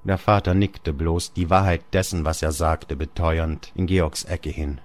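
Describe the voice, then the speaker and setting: A man narrating a literary audiobook in a measured, even storytelling manner. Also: a bass voice.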